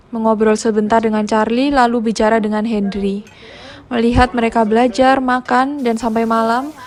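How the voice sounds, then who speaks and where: Female recap narrator, slightly high voice, steady plot retelling. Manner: plain, steady retelling with a brief casual aside at the end. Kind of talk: storytelling film recap.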